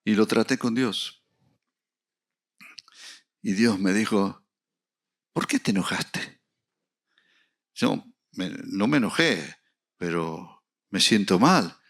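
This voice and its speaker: A middle-aged man preaching a sermon, telling a personal story with acted dialogue and rising to loud, emphatic peaks. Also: lowish voice, lively intonation, takes it slowly, long pauses. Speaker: pastor.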